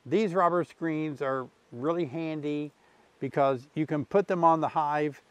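A man in his sixties runs a beekeeping channel and records a casual instructional vlog beside his hives, explaining in a friendly, easygoing way with fillers. His slightly high voice keeps a steady tone at a measured pace, captured on a lapel mic with no room sound.

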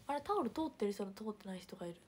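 A young woman livestreaming, chatting casually and reading viewer comments, with a hint of Hiroshima dialect and soft murmured asides. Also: mid-range voice, animated, rapid-fire, a little hiss or hum. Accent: picking up Hiroshima dialect. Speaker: idol livestreamer.

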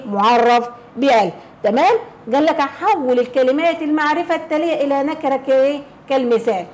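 Egyptian woman teacher, fast and high, asks and answers her own questions, faint noise behind. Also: darkish tone, low-quality recording. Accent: Egyptian Arabic. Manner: asks rhetorical questions and answers them herself; repeats key phrases, checking with "okay?". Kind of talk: classroom lesson explanation.

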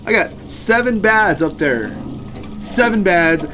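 A man hosting a gaming channel, giving excitable playthrough commentary and yelling at enemies on screen. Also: high voice, slow. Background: game music.

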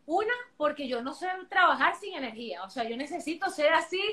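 A woman guest talking loudly and energetically on a live video chat, projecting her voice the way she does when teaching. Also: high-pitched, expressive, fairly quick. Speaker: sexologist guest. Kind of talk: casual live-stream chat.

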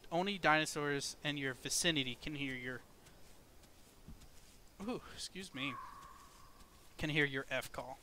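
A man's voice: fairly high pitch, pushed and bright, a little hiss or hum. A man giving casual gameplay commentary, explaining things step by step in a laid-back way with plenty of swearing. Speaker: gaming video host.

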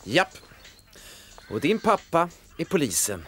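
A wry radio host. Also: male voice, fairly high pitch, huge pitch swings, sharp tone, soft background music, heavily acted. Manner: dry, wry, awkward. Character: new radio host in town, wry, mild. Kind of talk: film drama acting.

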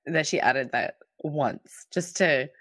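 A woman's voice: deep voice, takes it slowly, husky, dry recording, studio quality. A woman co-hosting a casual podcast, talking animatedly and acting out other people's lines. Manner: animated, acts out characters' lines. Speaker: podcast co-host. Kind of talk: casual chat.

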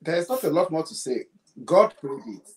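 A woman with a notably low voice and lively, swinging intonation co-hosts a faith talk show. She makes her points emphatically, in the tone of a preacher. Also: normal speed. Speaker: co-host.

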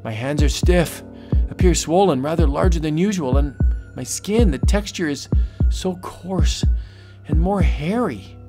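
A man's voice: a little high, lively intonation, unhurried, over music, pitched above the performer's own voice. A man voicing a cruel, obsessed male big-game hunter with an arrogant, domineering manner. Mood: uneasy. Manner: arrogant, domineering, later panicked.

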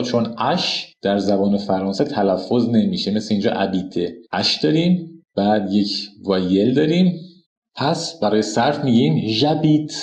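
A man teaching a recorded lesson at a whiteboard. He explains each point and spells out conjugations slowly, one form at a time. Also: on the low side, darkish tone, reverberant. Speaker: French teacher.

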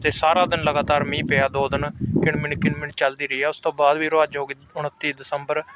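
A man's voice: on the high side, flat delivery, fast. A man with a Punjabi accent talking casually to viewers in an outdoor farm vlog, repeating himself as he explains. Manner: repetitive, addresses viewers as brothers. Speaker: farmer vlogger. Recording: outdoor recording with clear background noise.

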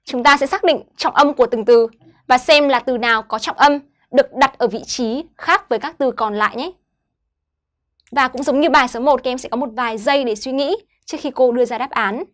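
A woman teaching an online English lesson, slowly modeling each English word and then explaining it to schoolchildren. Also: sits high. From Vietnam.

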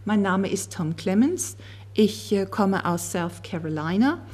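A woman conference interpreter works at a table microphone in a conference room, rendering a speaker's words consecutively in steady, fluent speech. Her mid-range voice is slightly rough and keeps a measured pace.

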